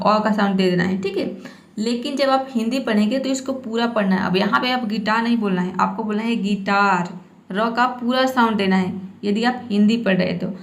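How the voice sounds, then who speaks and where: A woman's voice: medium pitch, gravelly. Woman teaching phonics in an echoey room. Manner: explains step by step, often adds "theek hai". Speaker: English teacher. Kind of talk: spoken phonics lesson.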